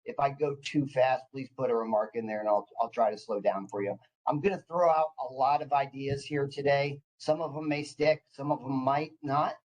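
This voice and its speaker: The speaker is a clinical department director delivering a casual professional presentation in a mid-range, slightly mellow voice at a moderate pace with few pauses. Psyched and eager as if caffeinated, he often hesitates and restarts mid-phrase. The recording is muffled.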